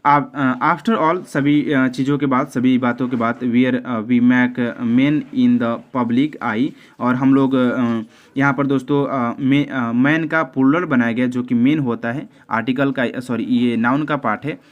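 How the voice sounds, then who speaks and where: A man teaching a class, explaining each line at a middling pitch. He pauses often with filler sounds and slows down to work through the English text. He addresses the viewers warmly as friends. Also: fairly even intonation, lo-fi sound. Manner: hesitant, frequent filler sounds, halting over English lines; talks directly to viewers as friends. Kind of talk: explaining an English lesson in Hindi.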